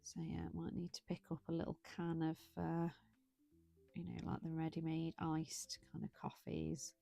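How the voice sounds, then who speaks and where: A British woman with a low, husky-free everyday voice chats idly while she colours on a livestream. She drifts from thought to thought and corrects herself mid-sentence, sounding a little tired and yawning now and then. Soft music plays faintly behind her. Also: completely flat delivery, moderate pace. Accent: British English. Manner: rambling, chatty, self-correcting. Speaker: livestream host colouring and chatting. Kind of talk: casual chat while colouring.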